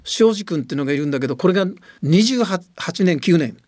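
Older guy w a tochigi lilt, pretty high voice, super dry close sound, talks on and on earnestly. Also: expressive, a little mellow, no room sound. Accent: Tochigi-tinged Japanese. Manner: earnest, explaining at length with emphatic pauses. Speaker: guest, former soccer coach and commentator. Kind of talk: radio studio talk.

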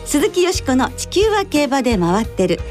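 A woman hosts a radio program with polite, formal announcements. Her voice is notably high and swings widely in pitch, over a light music backing. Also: big pitch swings, moderate pace, a little mellow. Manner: courteous, formal sign-offs and interjections. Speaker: radio show host.

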